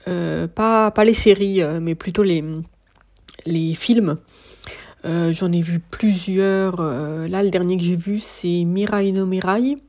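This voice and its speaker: Her voice is fairly low, steady in tone and a little mellow as she speaks slowly. She's a weary podcast host going it alone in a casual show, stumbling through restarts and plenty of filler sounds because she's so tired.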